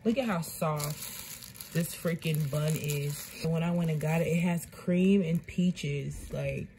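A woman's voice: low-pitched, takes it slowly, warm tone, a little hiss or hum. A young woman chatting casually to camera in her bedroom, laid-back and slangy, recorded on a phone at arm's length. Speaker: vlogger. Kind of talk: casual chat. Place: bedroom at home.

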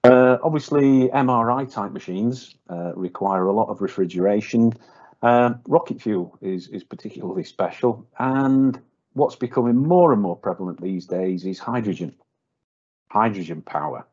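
A man's voice: on the low side, animated, normal speed, darkish tone. A man presenting a technical webinar for a welding company, speaking off the cuff with many fillers and repeated words. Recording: dull lo-fi webinar audio.

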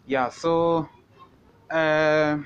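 A man's voice: a little high, fairly even intonation, very slow. A young man hosting a casual interview. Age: young adult. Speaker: interviewer, host. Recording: muffled audio with background noise.

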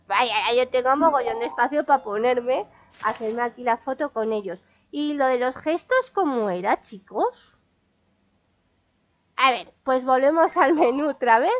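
Brief: young Spain Spanish woman gamer, chatty and exclamatory, high-pitched, dull recording. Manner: chatty, exclamatory, talks to viewers. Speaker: gaming vlogger. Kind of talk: casual gameplay commentary. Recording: dull lo-fi sound.

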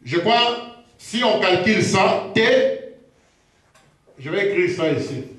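A man preaching a teaching sermon, slow and repetitive, pausing to check himself as he goes. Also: high voice, big pitch swings, fairly bright tone. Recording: very echoey room.

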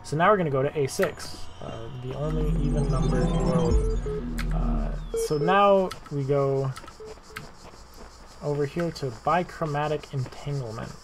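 A man casually narrating a speedrun tutorial over gameplay, relaxed and self-deprecating, with many fillers and repeated words. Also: fairly high pitch, measured pace, music in the background. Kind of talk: casual gameplay walkthrough commentary.

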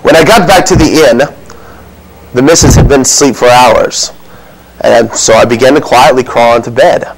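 In a comic stage monologue, a man plays a flustered innkeeper of ancient Bethlehem, rambling defensively through excuses with wounded indignation yet sounding self-satisfied. His mid-pitched voice moves at normal speed, lightly acted, over poor audio.

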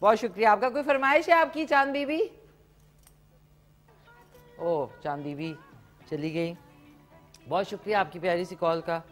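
A woman hosting a live TV cooking demonstration, chatty and animated with frequent exclamations. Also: medium pitch, moderate pace, long pauses, soft background music. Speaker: morning show host. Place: TV studio kitchen set.

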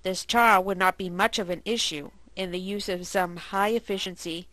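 A woman narrating her home-built gasifier experiments as a scripted voice-over, steady and explanatory. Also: mid-range voice, moderate pace, low-quality recording. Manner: steady, explanatory, with small slips. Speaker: channel host narrating.

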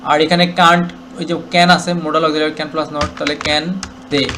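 A man with a Bangladeshi accent teaching English grammar, asking questions and answering them himself, with the English examples read slowly. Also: on the high side, flat delivery, background noise. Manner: quick, explanatory, asks and answers his own questions, reads English examples slowly. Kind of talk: explaining grammar to students.

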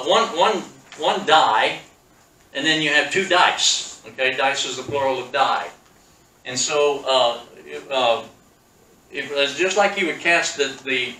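Man, pastor teaching bible, halting and casual, bright voice, echoey hall, distant mic. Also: medium pitch, a little hiss or hum. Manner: halting, many fillers and restarts, asks the congregation questions. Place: church hall. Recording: echoey room, speaker far from mic.

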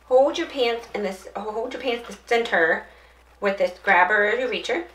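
A woman's voice: mid-range voice, normal speed, a bit bright. A woman giving a casual how-to demonstration of dressing aids, chatting and thinking aloud as she goes. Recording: roomy echo, distant mic, faint noise.

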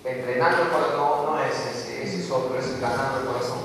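A man preaching a sermon to his congregation, telling stories with lively delivery and putting questions to the listeners. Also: mid-range voice, fast, a little hiss or hum. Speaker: pastor. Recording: echoey hall recorded from far off.

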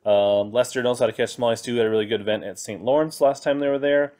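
This clip has a fast-talking man with a dark, medium-pitched voice. He's in his thirties and hosts a fantasy fishing podcast, chatting his way through his picks, reading from web pages and using plenty of fillers. The setting is an indoor room, captured as a screen recording with a webcam inset.

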